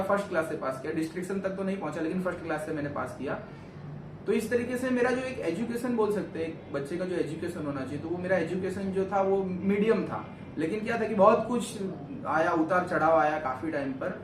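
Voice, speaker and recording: Answering questions as a vlogger in a casual interview chat, a young man from Gujarat, India, talks through his own story loosely and earnestly, often circling back to restate or correct a point. His voice sits a little high. He's far from the mic in an echoey room, with steady noise behind him.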